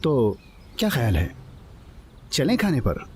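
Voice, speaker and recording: Dub role: a smooth persuasive flirt, animated delivery. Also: male voice, mid-range voice, unhurried, a little hiss or hum. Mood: suave. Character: smooth charming flirtatious man. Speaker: dubbing actor. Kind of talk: Urdu dub of a TV drama.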